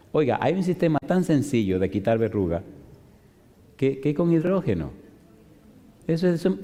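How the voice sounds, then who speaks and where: A male pastor preaching a sermon, telling a story with animated delivery and rhetorical questions to the congregation. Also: mid-range voice. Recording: long reverb of a large hall.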